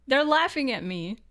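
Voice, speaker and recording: A woman's voice: high-pitched, a bit bright. A woman co-hosting a game playthrough, chatting casually as she plays a visual novel. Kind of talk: casual chat while playing a visual novel.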